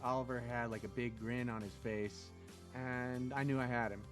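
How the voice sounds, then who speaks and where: A man's voice: mid-range voice, fairly even intonation, normal speed, music in the background. A man, an actor being interviewed, telling a casual anecdote in a brash way, swearing freely.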